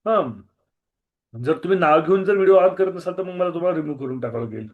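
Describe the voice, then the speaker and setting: A slightly hoarse man with a Marathi accent, teaching a strict online maths class over a video call and repeating key words, with some English mixed in. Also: a little high, animated, quick pace. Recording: muffled video-call audio.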